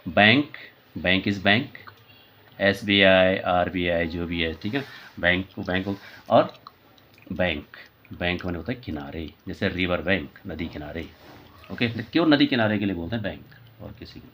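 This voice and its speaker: A man's voice: low-pitched, unhurried, fairly bright tone, slight background noise. A man teaching English vocabulary, mixing Hindi and English, spelling words out letter by letter and often correcting himself. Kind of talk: classroom lesson in Hindi and English.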